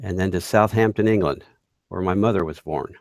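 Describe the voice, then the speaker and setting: A man in his sixties, a guest on a live online call, telling his story calmly and slowly with pauses. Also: sits low, dry recording. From United States. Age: 60s. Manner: calm, measured, with pauses. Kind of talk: casual interview over a live call. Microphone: online call mic.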